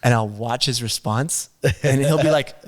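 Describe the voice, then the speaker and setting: A young man co-hosting a casual podcast, telling stories about his kids in a lively way and acting out quotes. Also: mid-range voice, moderate pace. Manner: animated, acts out quotes in voices. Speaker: podcast co-host. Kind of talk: casual storytelling chat.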